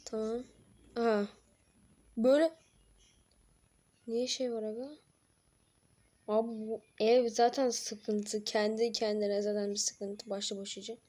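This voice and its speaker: A young woman with a high voice talks her way through a horror game as a let's-play commentator. She is jumpy and excitable, cursing at scares, then sinking into low mutters while she plays. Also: slow, pauses often. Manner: jumpy and excitable, swearing, drops to low mutters between outbursts. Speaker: gaming channel host.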